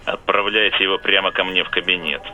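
A man playing a calm, commanding police colonel in an audio drama, curt and firm. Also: low-pitched, quick pace, highs cut off.

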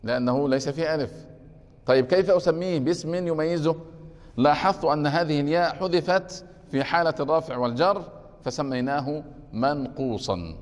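A man's voice: a little high, fairly quick, in a large hall. A man teaching a class on grammar. He takes questions and keeps checking whether his students have understood. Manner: keeps asking the class if it is clear.

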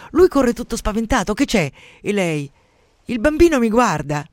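A man's voice: high-pitched, sing-song, moderate pace, no room sound, clean studio sound, voice pushed up. A man reading aloud, voicing a chattering, self-absorbed young male patient full of guilt and self-pity. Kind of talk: radio story reading.

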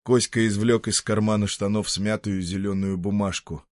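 Male narrator, low voice, measured storybook reading, dry. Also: steady tone, dry recording.

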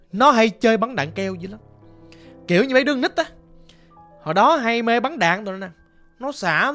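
A woman's voice: fairly high pitch, a bit bright. A woman with a Southern Vietnamese accent telling a ghost story in a casual, rambling way, often stammering and repeating words.

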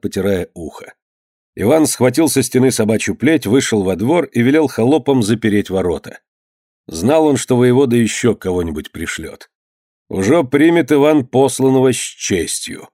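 A man narrating a historical story in an expressive storytelling manner. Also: mid-range voice, no echo, studio quality. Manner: expressive storytelling, lively delivery. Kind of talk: audiobook reading of historical prose.

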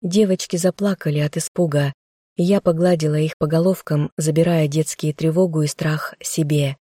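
Mellow-voiced woman narrating a fantasy novel. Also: sits low, fairly even intonation, moderate pace, slightly rough, no room sound, studio quality. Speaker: audiobook narrator.

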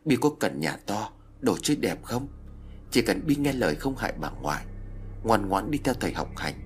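A man's voice: lowish voice, big pitch swings, normal speed, a little hiss or hum. A man doing a pushy, superstitious aunt. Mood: coaxing. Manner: urgent, scolding persuasion.

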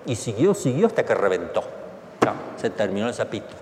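Animated priest preaching. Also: male voice, lowish voice, fairly quick. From Argentina. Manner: animated, asks rhetorical questions, colloquial. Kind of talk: sermon. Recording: echoey hall, faint background noise.

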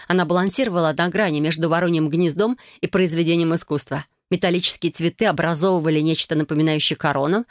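An audiobook narrator reading a fantasy novel in the first person, with even storytelling. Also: mid-range voice, no echo, clean studio sound.

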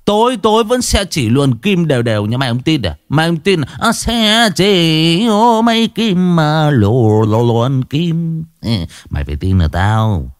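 A man's voice: a little high, sing-song, a little slow, few pauses, smooth, no echo, clean studio sound, pitched above the performer's own voice. A man voicing a brash, hot-tempered old man built like a bull, who boasts, swears and bellows. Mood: boastful.

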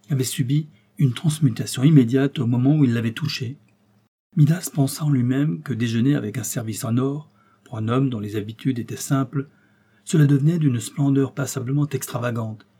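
A man narrating a classic fairy tale in a measured, expressive reading. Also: medium pitch, breathy edge. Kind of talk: storybook reading.

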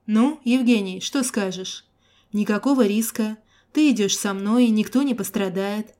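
A woman's voice: mid-range voice, moderate pace, dark tone, natural voice. A woman reading a cool, menacing man. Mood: coolly threatening. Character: cool, threatening man holding a hostage.

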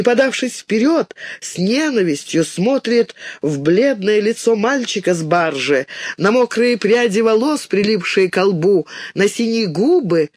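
High, lively male audiobook narrator. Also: no room sound, studio quality. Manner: lively, dramatic reading. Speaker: audiobook reader.

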